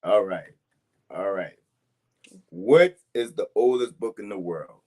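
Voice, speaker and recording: Joking New Orleans podcast host. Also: male voice, fairly low pitch, slow. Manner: joking, animated, laughs often. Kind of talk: casual podcast chat.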